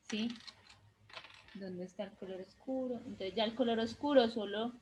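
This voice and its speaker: A woman's voice: fairly high pitch, moderate pace, darkish tone, a little hiss or hum. A woman drawing teacher with an Antioquian Colombian accent, explaining step by step in an online class and checking in often with her students. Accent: Colombian Spanish, Antioquia. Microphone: video call. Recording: muffled video-call audio.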